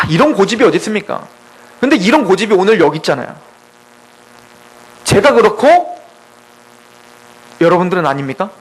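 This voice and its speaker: A man preaching a sermon, retelling a story with animated storytelling and frequent questions to the congregation. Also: extremely high pitch, rough recording.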